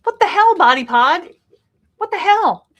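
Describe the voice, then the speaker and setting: A woman in her fifties co-hosting a live question-and-answer chat, talking with animated, exasperated bursts and laughs. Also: extremely high pitch, unhurried, highs cut off. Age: 50s. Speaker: co-host.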